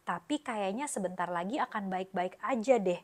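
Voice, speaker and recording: A woman doing a soft-spoken gentle animal friend. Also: mid-range voice, normal speed, lightly acted.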